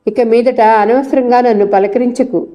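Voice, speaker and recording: A woman's voice: on the high side, steady tone, moderate pace, dark tone, natural voice. A woman voicing a proud young female lecturer who speaks firmly and curtly, read from a storybook. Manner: firm, curt.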